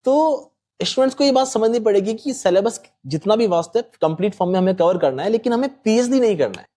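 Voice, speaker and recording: A man's voice: high voice, lively intonation, quick pace, dark tone. A man explaining maths exam strategy patiently, politely addressing the host as sir. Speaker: quant teacher. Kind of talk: explanatory panel talk.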